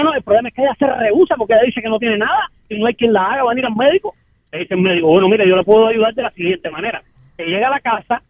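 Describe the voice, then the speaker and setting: A man with a very high voice tells a joke quickly over a call-in line, pushing his voice up to shout the names in the story. The sound is thin and tinny, like a phone call. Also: dry recording. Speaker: caller. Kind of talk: joke telling on a call-in show.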